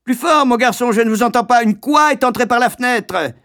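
A man's voice: high voice, moderate pace, dry recording, clean studio sound, pitched above the performer's own voice. A man voicing a bristling, strict male schoolmaster who barks orders at pupils in a storybook reading. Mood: bellowing. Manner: barking, shouting.

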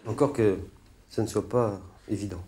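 On stage before a laughing audience, a stand-up comedian rambles through a monologue full of sardonic, mock-indignant asides. His voice sits on the low side, mellow and fairly even in intonation, at a normal speed.

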